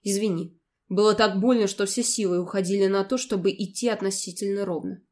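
A woman voicing a gentle young male heir. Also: mid-range voice, steady tone, fairly quick, close to an everyday voice. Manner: gentle, soft.

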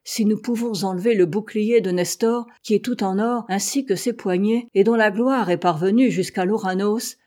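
A woman's voice: mid-range voice, normal speed, few pauses, a little mellow, lightly acted. A woman reading the lines of a fierce, boastful male warrior chief in a taunting, commanding way.

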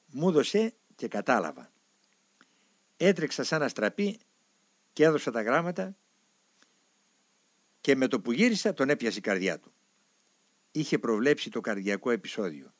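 A man narrating a memoir in a solemn, reverent and measured way. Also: on the high side, dry recording. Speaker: audiobook narrator.

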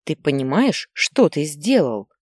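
A woman voicing an angry, short-tempered mother who scolds and shouts harshly at her son. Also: sits low, very animated, measured pace, breathy edge, no echo, clean studio sound, full character voice. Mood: stern.

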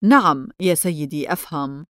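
A woman's voice: sits low, moderate pace, fairly bright tone, dry recording, studio quality. A woman reading the lines of a polite, deferential male head clerk who studies handwriting, in a storybook. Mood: respectful. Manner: polite, respectful.

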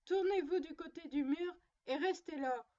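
A woman's voice: very high-pitched, normal speed, dark tone, highs cut off. A woman voicing a little girl who scolds her doll in a stern, motherly way. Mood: scolding.

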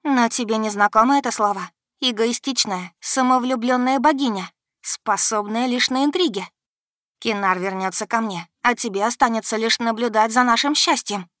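Defiant young girl, high and loud, a woman reading. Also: normal speed, no echo, studio quality, natural voice. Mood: defiant shouting. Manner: defiant, shouting. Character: young human girl in love, defiant and bold.

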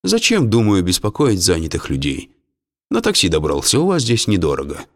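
A man voicing a calm, sly businessman who talks in an affable, gently mocking way. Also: low voice, moderate pace, exaggerated voice. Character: calm, sly male businessman, smooth-talking.

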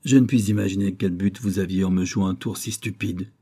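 A man's voice: sits low, fairly even intonation, a little fast, dark tone. Haughty young society lady, read by a man. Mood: cool disdain. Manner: crisp, disdainful and impatient. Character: proud young society woman, cool and haughty.

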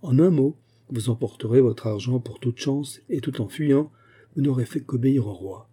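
Urgent, pressing male adviser read by a man, dark tone, audiobook. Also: medium pitch, moderate pace, slightly rough, pitched above the performer's own voice, natural voice. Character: eager male secretary urging flight.

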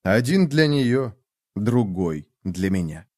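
A man's voice: lowish voice, sing-song, slow pace, a little mellow, no echo, clean studio sound. A man voicing a shaken young man. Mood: strained.

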